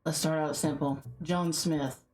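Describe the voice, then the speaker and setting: Calm, low-voiced middle-aged woman. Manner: calm and deliberate, dry matter-of-fact guesses. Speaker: mother of the host, guessing player. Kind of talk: casual chat. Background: background music.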